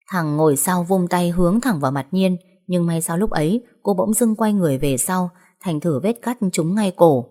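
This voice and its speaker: A woman narrating an audiobook romance in a steady, even storytelling voice. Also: fairly low pitch.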